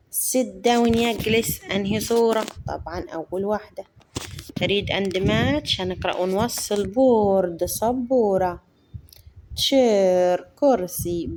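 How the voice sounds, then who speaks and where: A woman with an Egyptian Arabic accent teaching children English from a workbook. She moves quickly through Arabic explanations and slows down to model and spell English words. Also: mid-range voice, noisy background. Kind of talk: workbook lesson walkthrough.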